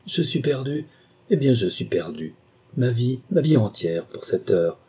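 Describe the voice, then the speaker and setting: Male reader doing an anguished young governess in love, husky, raised pitch, audiobook. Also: sing-song, measured pace, warm tone, heavily acted. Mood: impassioned. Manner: impassioned, pleading. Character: passionate young woman governess torn by love. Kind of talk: audiobook dialogue reading.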